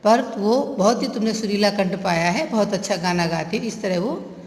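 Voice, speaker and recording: A woman's voice: medium pitch, animated, normal speed, darkish tone. A woman teacher explaining a story to her class, glossing words in English and acting out the characters' lines. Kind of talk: Hindi literature lesson, retelling a story with acted dialogue. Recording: echoey room with faint ambient noise.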